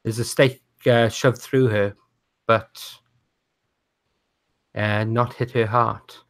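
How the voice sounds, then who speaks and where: A man's voice: fairly low pitch, little pitch movement, slow. A man narrating a tabletop role-playing game as game master, hesitant and full of fillers.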